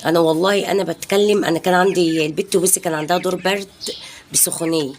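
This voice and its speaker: A woman's voice: on the low side, steady tone, rapid-fire, darkish tone, a little hiss or hum. A woman in her thirties with an Egyptian Arabic accent, chatting casually to her followers in a home vlog. She rambles from one point to the next and keeps dropping in pious blessings. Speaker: home vlogger and mother. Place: home balcony.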